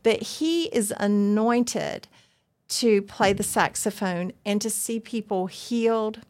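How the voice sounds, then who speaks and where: A woman, co-hosting a podcast and telling a story in a chatty, animated way. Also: mid-range voice, slow pace. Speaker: podcast co-host. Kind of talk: casual podcast chat. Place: studio room with soundboards.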